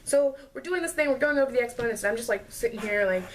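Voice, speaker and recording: Young woman ranting about class, kinda high voice, sarcastic and fed up. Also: lively intonation, rapid-fire, slight background noise. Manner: exasperated, sarcastic, mocks classmates in put-on voices. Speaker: vlogger. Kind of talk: casual storytime rant.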